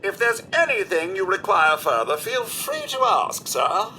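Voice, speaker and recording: A too-smooth robot butler. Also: male voice, sits high, huge pitch swings, measured pace, sharp tone, slight background noise, heavily acted. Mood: apologetic. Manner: too smooth, formal servant's courtesy, tells jokes. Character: polite male robot butler, smooth and servile. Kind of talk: video game character dialogue.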